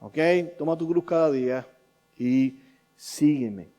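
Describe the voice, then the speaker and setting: A man preaching a sermon as pastor, swinging between loud emphatic questions and quiet low asides. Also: slow.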